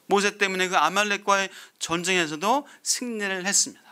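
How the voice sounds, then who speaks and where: High, bright-voiced man preaching a sermon. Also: a little fast. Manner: asks the congregation many rhetorical questions; repeats phrases for emphasis. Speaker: pastor.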